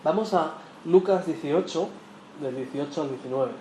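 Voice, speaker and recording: Male Bible teacher, conversational, fairly high voice, echoey room, faint noise. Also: normal speed, a little mellow. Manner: conversational, quizzing the audience with tag questions. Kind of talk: interactive Bible lesson.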